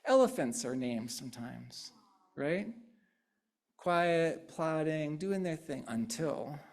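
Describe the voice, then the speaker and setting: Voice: mid-range voice, lively intonation, takes it slowly, a little mellow. A speaker giving an interactive sermon, talking conversationally, often tagging "right?" and echoing answers from the congregation. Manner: repeats and riffs on audience answers.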